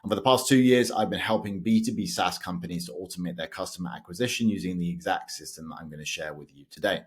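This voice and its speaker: A young man from the United Kingdom, a sales automation consultant with a low voice, talks fast as he explains his method to camera. His delivery is loose and conversational, full of fillers and self-corrections.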